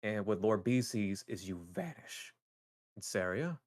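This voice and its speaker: A man's voice: on the low side, animated, unhurried, darkish tone, dry recording. Male game master, close dry sound. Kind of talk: narrating a tabletop fantasy game, conversational.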